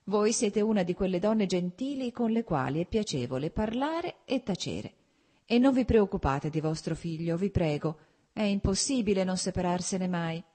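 A woman's voice: medium pitch, animated, moderate pace, mellow, close to an everyday voice. A woman reading an audiobook voices an elderly countess, a fond and chatty mother who gushes and slips French phrases into her talk. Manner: gushing, affectionate, drops French phrases.

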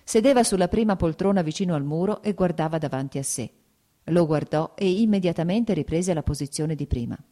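Low, mellow woman narrating an audiobook. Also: expressive, a little fast.

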